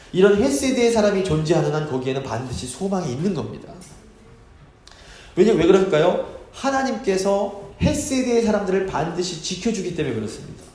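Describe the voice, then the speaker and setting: A man with a fairly high voice preaches a midweek Bible study in a church sanctuary. He talks expressively and keeps putting rhetorical questions to the listeners. His voice rings out with a heavy echo off the walls of the hall. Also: a little mellow. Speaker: pastor.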